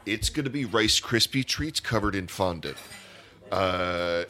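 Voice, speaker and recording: A man pitching an absurd idea in an improvised comedy sketch, hesitant and full of fillers. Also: lively intonation, a little slow, sharp tone.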